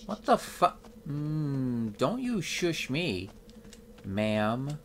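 A man's voice: medium pitch, sing-song, very slow, a bit bright, slight background noise. A man streaming a video game with casual live commentary, chatting as he plays.

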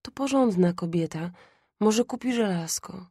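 Woman narrator playing a dying mother; weak, hushed and breathless, gentle. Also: mid-range voice, animated, unhurried, slightly rough, no room sound, studio quality. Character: gravely ill poor mother, weak, gentle.

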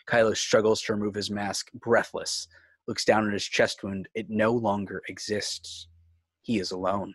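A man with a fairly low voice and no echo narrates and hosts a fan script reading, reading out screenplay directions and delivering the host outro over music.

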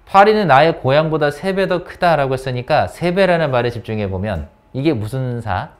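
Man, English teacher, animated rising and falling pitch, coaxing questions. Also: normal speed. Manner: lively, coaxing questions to students. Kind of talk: classroom grammar lesson. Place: academy classroom.

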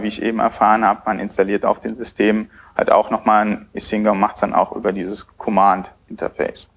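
Hesitant man giving a tech talk. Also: medium pitch. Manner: hesitant, many filler sounds. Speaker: conference speaker. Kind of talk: technical conference talk. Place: lecture hall at a podium.

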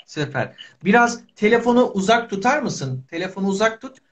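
A Turkish teacher hosts a casual live language lesson from a small indoor room, using simple short phrases he repeats often. His voice is high and sing-song, and he speaks fairly quickly. The livestream audio is dull and lo-fi, with a little hiss or hum.

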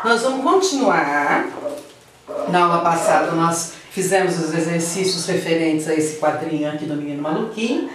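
A woman's voice: medium pitch, a little hiss or hum. Brazilian woman teacher in an echoey room. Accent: Brazilian Portuguese. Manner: patient, explains step by step with frequent tag questions. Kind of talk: remote class lesson. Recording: echoey room, voice from far off the mic.

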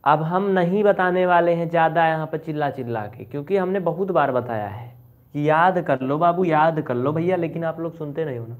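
Chatty maths teacher on a tinny line. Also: male voice, fairly high pitch. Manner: chatty, scolding and repeating steps. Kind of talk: online maths lesson. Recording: tinny phone-like sound.

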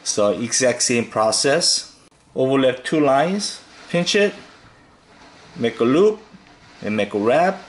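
Tying knots on camera, a man at medium pitch calmly explains each stage of his fishing tutorial. The voice-over is unhurried and easygoing, sprinkled with occasional fillers.

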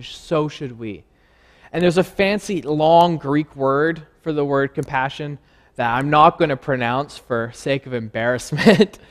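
Male preacher in a church, fairly high voice, earnest and conversational sermon delivery.

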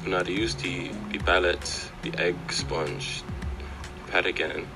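Guy w kinda low voice guessing his way thru makeup steps, confused, music behind. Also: flat delivery, measured pace, vocal fry, low-quality recording. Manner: puzzled, questioning. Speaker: guest voice-over commentator. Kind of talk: casual running commentary on a makeup routine. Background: background music.

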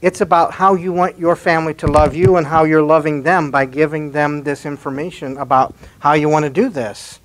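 A man's voice: fairly high pitch, fairly even intonation, brisk, few pauses. A man giving a slide presentation at an adult education talk, speaking in a conversational, encouraging way and often tagging on rhetorical questions.

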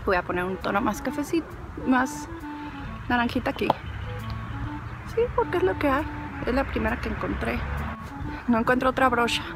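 A woman's voice: a little high, lively intonation, moderate pace, vocal fry, pauses often, music in the background. A woman with a Mexican accent vlogging casually while walking through an outdoor park, chatting playfully and rambling to herself and the camera.

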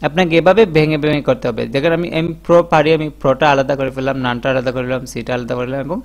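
A man's voice: medium pitch, fairly even intonation, fast. A man teaching an online English lesson, breaking long words into syllables and sounding them out. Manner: spells words out syllable by syllable, mixing in English phrases. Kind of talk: spoken language lesson.

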